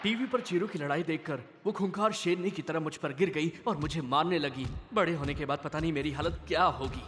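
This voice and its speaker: A man's voice: on the high side, fairly quick, a bit bright, soft background music, lightly acted. A man voicing a newborn baby boy who narrates his fears in a wry, self-pitying dubbed film narration.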